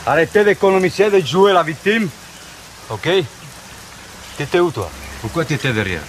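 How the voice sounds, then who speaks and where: A man's voice: sing-song, normal speed. A man in his forties from Spain with a Spanish accent, a military instructor who talks like a drill sergeant, goading trainees with curt questions and blunt orders. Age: 40s. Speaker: Foreign Legion chief warrant officer, instructor. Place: outdoors on a training course. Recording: noisy outdoor field recording with vehicle rumble.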